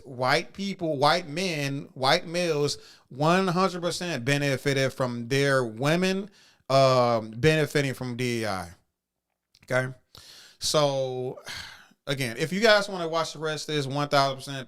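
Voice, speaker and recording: Smooth-voiced man rambling on a livestream. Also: medium pitch, fairly bright tone. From Chicago. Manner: rambling, many fillers and restarts. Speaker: podcast host. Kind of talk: casual livestream commentary.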